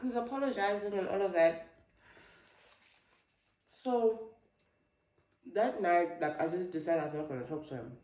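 A woman's voice: lowish voice, moderate pace, pauses often, dark tone, roomy sound. A South African woman in her twenties telling a storytime vlog in a chatty, filler-heavy way. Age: 20s. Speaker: vlogger. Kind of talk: casual storytime chat.

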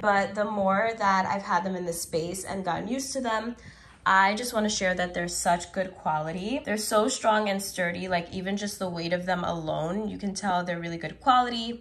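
A young woman with a stuffy, congested voice shows off her favorite things in an upbeat, chatty way. She walks from room to room of her apartment while she talks, like a casual lifestyle vlogger. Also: medium pitch. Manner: chatty and enthusiastic, walking around. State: congested from a cold. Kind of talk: casual home vlog walkthrough. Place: apartment indoors.

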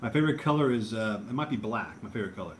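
A man's voice: on the low side, lively intonation, racing, a little hiss or hum. A young man hosting a casual livestream, hesitant and self-deprecating as he answers viewer comments. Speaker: livestream host.

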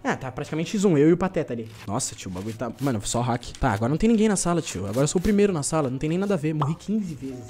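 A man's voice: fairly high pitch, animated, very fast, few pauses, background noise. A young man from Brazil streaming a shooter game, talking in slangy, joking banter with his chat. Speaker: gaming streamer. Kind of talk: casual live gameplay commentary.

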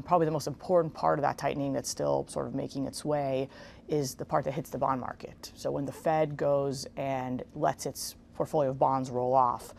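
A woman in her thirties from Israel speaks in a low voice with a gravelly fry, walking through ideas in a measured, explanatory way. She is on a lapel mic in a bright, large room, with faint noise underneath. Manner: measured, explanatory, with casual fillers. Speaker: guest, investment executive. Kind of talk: TV interview.

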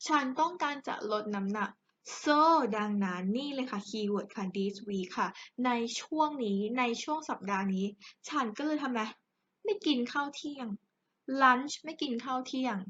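A woman's voice: high-pitched, animated, moderate pace, fairly bright tone, a little hiss or hum. A young Thai woman teaching an English grammar lesson in a chatty, joking way, addressing her students directly. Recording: dull lo-fi recording.

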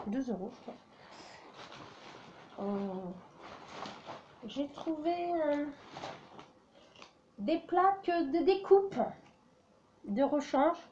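A woman's voice: high voice, lo-fi sound, noisy background. A woman casually showing her flea-market craft finds, hesitant and full of "euh" and "voilà". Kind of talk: casual show-and-tell vlog.

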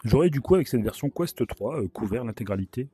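A man with a sore throat and a worn-out, hoarse voice gives chatty, casual commentary as he plays a video game, with wry asides. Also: medium pitch, expressive, quick pace, warm tone, no echo. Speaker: gaming video host.

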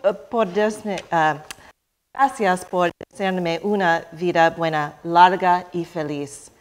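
Slow, halting woman, American-accented Spanish. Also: on the low side, fairly even intonation, a little hiss or hum. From Philippines, emigrated to Chicago in childhood. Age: middle-aged. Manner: halting, stumbling over Spanish words, slipping into English. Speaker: guest speaker. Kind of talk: prepared speech read to an audience. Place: indoor conference hall, panel table. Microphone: table conference microphone.

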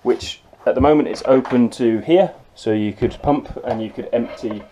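With a warm, mid-range voice at a moderate pace, a man in his forties walks viewers through his small yacht's tight cabin in a matter-of-fact, practical way, saying "um" often. The footage comes from a handheld action camera held close, whose mic catches handling clicks and noise.

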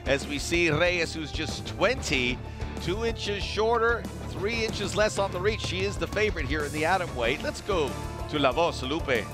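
Male play-by-play fight caller, distinctly high register, broadcast with clear music behind. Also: moderate pace. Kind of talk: live sports commentary.

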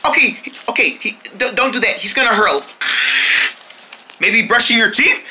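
Squeaky one moment and low the next, a single performer plays the whole cast of a homemade paper puppet show, shouting and crying often. It's animated and moderately paced, with a slight hiss or hum in the background.

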